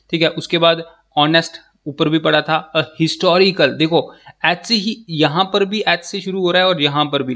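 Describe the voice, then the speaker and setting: A man with a Jammu accent explains English grammar for an exam class in a slightly high voice. He talks in a patient, repetitive way, often pausing to check in and spelling words out slowly. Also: fairly bright tone. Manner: repeats "ठीक है" and "जो है वो" constantly, spells out letters slowly. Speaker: exam prep teacher.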